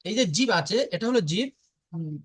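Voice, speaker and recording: A man's voice: high voice, expressive, a little fast. A man patiently teaching Arabic letter sounds in an online lesson, repeating and drilling each sound aloud.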